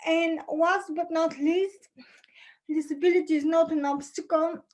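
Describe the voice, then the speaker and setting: A young woman from Bulgaria speaks in a bright, high voice as she talks through presentation slides on a video call. Her pace is careful and slightly halting, with small fillers between her points. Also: fairly even intonation, low-quality recording. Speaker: conference speaker.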